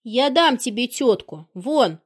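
A sharp-tongued jilted woman, read by a female narrator, scornful and accusing, in a voice pitched a little high. Her words come out clipped and cutting, with no softness to them. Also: big pitch swings, takes it slowly, slightly rough, full character voice. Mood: furious. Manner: biting, scornful.

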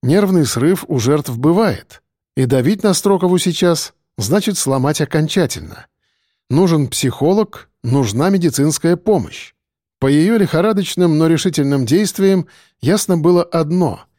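A man reading a first-person audiobook narration, steady and matter-of-fact. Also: a little high, unhurried, no room sound, studio quality.

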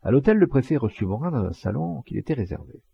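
A man narrating an audiobook in an expressive storytelling manner, with a husky, gravelly voice. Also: medium pitch, quick pace. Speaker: audiobook reader. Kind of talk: scripted narration. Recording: dull lo-fi dry recording.

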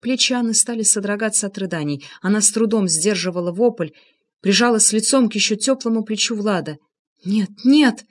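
Expressive woman audiobook narrator. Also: medium pitch, brisk. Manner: dramatic, expressive reading. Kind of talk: scripted narration.

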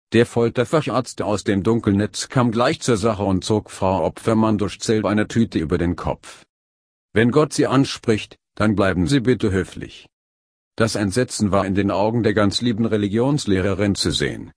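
A man reading a scripted story aloud as narrator, with a steady, even storytelling delivery. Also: fairly low pitch, breathy edge, no room sound, studio quality.

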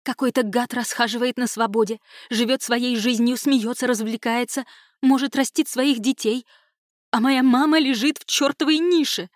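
A woman reading an audiobook, voicing a distraught young woman who shouts accusations through tears. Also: a little high, moderate pace, dry recording, clean studio sound, natural voice. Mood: furious, tearful.

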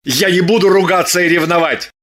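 A woman voicing an excitable, suspicious man with agitated exclamations. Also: fairly low pitch, fairly quick, lightly acted. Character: excitable, suspicious young-ish man, her lover.

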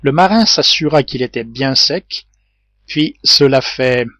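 A man narrating a classic novel as an audiobook reader, in a measured literary way. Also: medium pitch, bright, forceful tone, no room sound, clean studio sound. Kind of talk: scripted narration.

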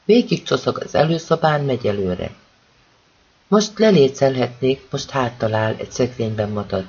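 A man reading a novel aloud as an expressive first-person narration. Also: medium pitch, husky, dull audio. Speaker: audiobook reader.

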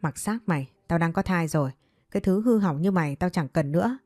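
A woman's voice: lowish voice, brisk, dark tone, dry recording, studio quality, faint music behind, close to an everyday voice. A woman reading the lines of a harsh, accusing middle-aged mother in a storybook narration, in a coarse and contemptuous manner. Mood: scornful.

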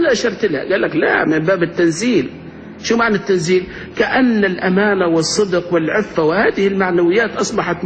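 Man, fairly high voice, grammar lesson, questions to the class, dull lo-fi sound. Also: slight background noise. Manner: keeps asking the class rhetorical questions. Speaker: sheikh teaching Arabic grammar. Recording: dull lo-fi recording.

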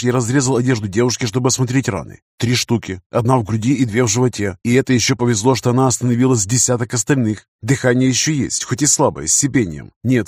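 A man narrates a first-person audiobook in a tense, measured way. His voice sits in a middle range for a man. The recording is dry and close. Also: mid-range voice, darkish tone, breathy edge, no room sound. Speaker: audiobook reader.

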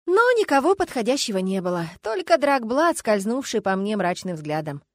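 Woman narrator, expressive first-person audiobook read, close dry recording, mid pitch. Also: moderate pace, dry recording.

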